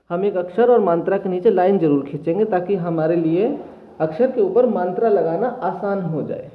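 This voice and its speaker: A man teaching reading to children in a patient classroom manner, often repeating himself and sounding out letters slowly. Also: high-pitched, slight background noise. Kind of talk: classroom lesson. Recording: tinny phone-like audio. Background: children nearby.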